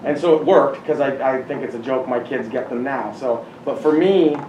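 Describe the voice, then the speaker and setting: A man's voice: mid-range voice, normal speed, dark tone, dull audio. A middle-aged man from Canada, an assistant professor, introducing himself at a workshop in an upbeat, chatty way. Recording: roomy echo, distant mic, faint noise.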